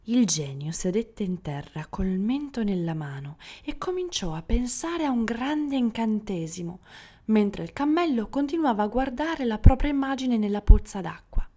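Woman, storyteller, expressive storybook reading, theatrical, wide pitch swings. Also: moderate pace.

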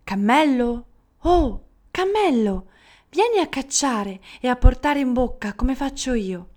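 A woman's voice: high voice, expressive, takes it slowly, darkish tone, voice pushed up. A woman doing a coaxing hunting dog. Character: eager male hunting dog.

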